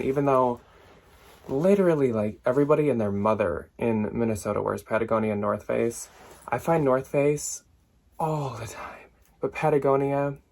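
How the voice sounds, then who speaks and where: Chatty young man showing a thrift haul. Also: mid-range voice. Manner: chatty, lots of "like", loses track and laughs at himself. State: a bit out of breath. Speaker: thrift reseller vlogger. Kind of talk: casual haul talk to camera.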